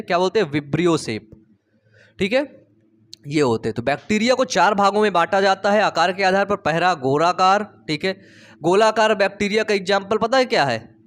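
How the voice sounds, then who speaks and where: A man's voice: sits high, fairly bright tone. A man teaching biology in a playful storytelling way, asking his students questions and repeating the key terms. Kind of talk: storytelling classroom lecture.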